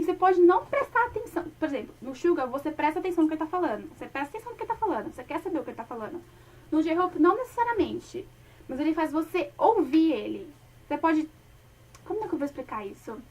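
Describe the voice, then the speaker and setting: A young woman talks in a high voice as a fan, gushing and rambling from one point to the next. She fills her talk with many fillers. The mic sits a little away from her. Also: distant mic, highs cut off. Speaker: fan talking about a band. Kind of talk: casual chat.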